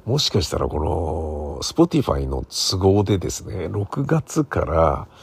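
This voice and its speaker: A middle-aged podcast host, also a radio drama writer, gives a casual solo monologue recorded on a smartphone. His low, creaky voice has a husky edge, and though very animated, he takes it slowly. He rambles conversationally, softly checking in with the listener and seeking agreement at sentence ends.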